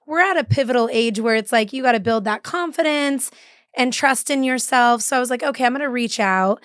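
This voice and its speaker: Woman guest, slightly higher voice, easygoing and affirming, dry close mic. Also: brisk, fairly bright tone, no room sound. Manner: agreeable, frequent affirmations and laughs. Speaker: guest, mother. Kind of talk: casual chat.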